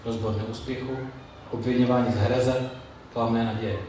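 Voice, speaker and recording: A man preaching a sermon in a slow, measured way with pauses. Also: mid-range voice, fairly even intonation, a little hiss or hum. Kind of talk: sermon with Bible reading. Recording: very echoey room, mic far off, faint ambience.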